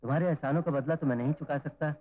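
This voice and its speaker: An actor playing a gentle, guilt-ridden young man who speaks in an earnest, apologetic way, on a tinny old film soundtrack. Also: a little high, rapid-fire, close to an everyday voice.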